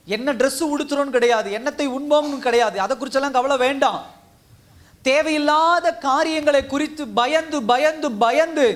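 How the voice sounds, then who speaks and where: High-pitched male pastor, exhorting sermon delivery with repeated phrases. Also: fairly bright tone. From India. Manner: exhorting, repetitive preaching cadence. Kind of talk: Tamil sermon.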